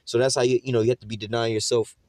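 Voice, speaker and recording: Middle-aged man, loose street-style preacher, talks fast, dry close sound. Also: medium pitch, flat delivery, darkish tone, no room sound. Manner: rambling, full of fillers and slang. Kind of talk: informal preaching.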